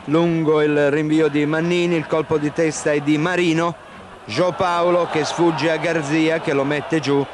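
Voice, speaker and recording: Even-toned male football commentator, noisy broadcast. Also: a little high, a little slow, crowd noise. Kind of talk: live TV football play-by-play commentary. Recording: noisy old 1990 TV broadcast.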